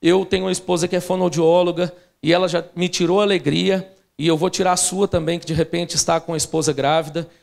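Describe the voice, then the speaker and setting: A pastor preaching a sermon, telling a personal family story with frequent asides to the congregation. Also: male voice, high voice, flat delivery, fast, creaky, few pauses.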